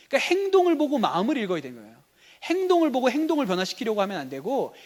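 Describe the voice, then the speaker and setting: A man preaching a sermon as pastor, talking conversationally and asking the congregation rhetorical questions. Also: very high-pitched. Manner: conversational, acts out everyday dialogue. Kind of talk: sermon at a teachers' revival meeting.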